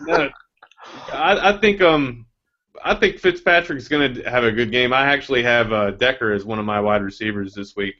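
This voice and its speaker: A man's voice: mid-range voice, normal speed, bright, forceful tone. Rambling man on a lo-fi podcast. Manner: rambling, many restarts and fillers, laughs easily. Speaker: fantasy football podcast co-host. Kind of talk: casual chat. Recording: dull lo-fi audio.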